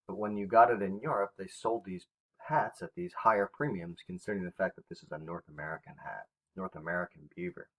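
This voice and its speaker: A man's voice: low-pitched, a little fast, rough recording. A man teaching a recorded history lesson to his students, talking in a conversational way with fillers and self-corrections.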